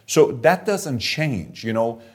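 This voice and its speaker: This middle-aged man from Iran speaks slowly in a husky, medium-pitched voice with big pitch swings. An entrepreneur in an animated business interview, he calculates numbers out loud and keeps emphasizing things with "okay?".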